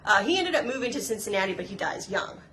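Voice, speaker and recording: A woman's voice: mid-range voice, big pitch swings, quick pace, pushed and bright, a little hiss or hum. A woman giving a chatty, enthusiastic tour of an old house, restarting her sentences as she goes. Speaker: history museum staff giving a house tour. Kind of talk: casual chat while touring a house.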